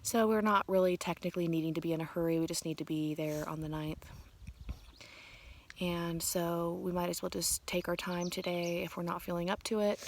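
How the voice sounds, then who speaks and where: On a mountain trail, a woman vlogs outdoors as a long-distance hiker, speaking casually to the camera. Her lowish voice carries a slight hiss or hum, and she sounds tired and stressed, sighing often and half-whispering.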